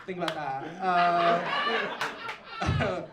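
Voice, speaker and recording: A man's voice: sits high, animated, takes it slowly, over a noisy crowd, heavy background noise. Campy male stand-up comic in a club. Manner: campy, self-mocking, punchy delivery. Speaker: stand-up comedian. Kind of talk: stand-up set. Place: comedy club. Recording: roomy club sound from far off. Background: audience laughter.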